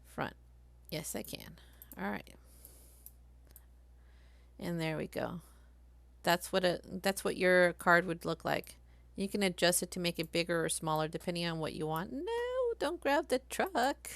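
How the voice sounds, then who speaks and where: A woman live-streaming a craft software tutorial, chatty and thinking aloud as she works. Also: on the low side, steady tone, unhurried, vocal fry, long pauses, dry recording.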